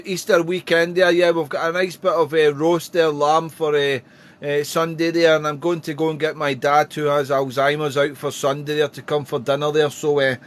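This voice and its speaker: A man with a British accent chatting as an amateur radio operator, deliberate and full of call phrases. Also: fairly high pitch. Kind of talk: casual radio contact chat. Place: home radio room.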